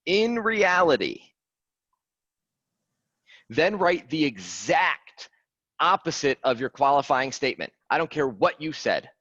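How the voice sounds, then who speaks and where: Mid-guy coaching on a call, earnest n animated, dull dry audio. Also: medium pitch, moderate pace, no room sound. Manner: earnest, animated, repeats key phrases. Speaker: fitness coach. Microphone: video call.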